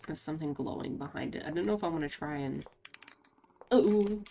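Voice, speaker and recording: A tired woman giving casual, halting commentary while playing a game, with many pauses and fillers. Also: deep voice, creaky, warm tone, slight background noise. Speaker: gameplay commentator. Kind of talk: casual let's play commentary.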